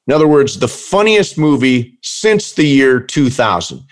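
A man's voice: mid-range voice, sing-song, a little slow. A man hosting a pop culture podcast, chatting casually and introducing his guest with upbeat energy. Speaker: podcast host.

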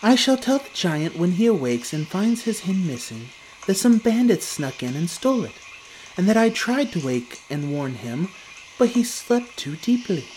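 A sweet-sounding enchanted golden harp from a storybook, her female voice lifted well above the reader's usual pitch, put on by the storyteller. She speaks gently and softly, with a lilting, lively rise and fall. A faint hiss sits under the voice. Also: normal speed, lightly acted, low-quality recording. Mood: kind. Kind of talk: storybook character voice.

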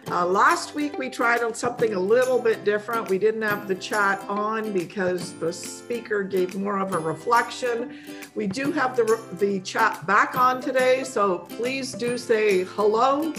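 A woman hosting an online program for mothers, welcoming listeners informally in a chatty, halting way. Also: medium pitch, over music. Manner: chatty, often chuckling, halting.

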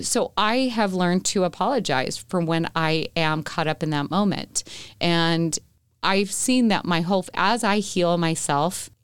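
A woman's voice: low voice, smooth, no room sound, studio quality. A middle-aged woman, an author guesting on a podcast, earnestly telling stories and acting out what people said. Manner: earnest, storytelling, acts out quotes. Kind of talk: podcast interview.

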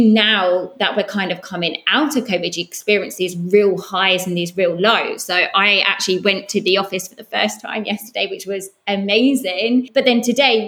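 A woman's voice: medium pitch, fairly bright tone. A woman with an Essex accent gives long, flowing, earnest and emphatic answers in a conversational interview. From Southend, Essex, England. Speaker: podcast guest, communications professional.

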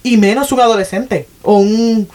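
Animated woman, chatty co-host. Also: a little high, normal speed. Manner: animated, self-correcting, frequent "o sea". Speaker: podcast co-host, stepmother. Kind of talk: casual chat.

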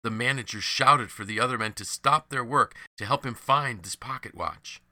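A man reading a devotional story and its moral in a measured, earnest storytelling manner. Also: medium pitch, sharp tone, no echo. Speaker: devotional narrator.

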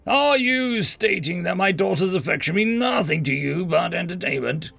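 A man's voice: sits high, animated, normal speed, creaky, pushed and bright, faint music behind, pitched above the performer's own voice, exaggerated voice. A man playing an imperious tentacled alien overlord. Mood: stern. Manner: hissing, snarling, formal and imperious. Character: monstrous tentacled alien overlord father, haughty and menacing.

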